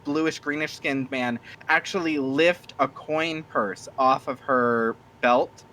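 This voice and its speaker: A man's voice: mid-range voice, slow pace, pushed and bright, a little hiss or hum, rough recording. A man narrating a tabletop game as game master, rambling with many fillers. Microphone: streaming mic.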